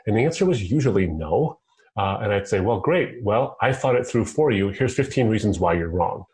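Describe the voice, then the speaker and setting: Low-voiced man telling his story. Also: expressive, moderate pace, darkish tone. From United States. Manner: earnest storytelling, quotes himself in asides. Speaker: guest. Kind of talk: conversational interview. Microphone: phone line.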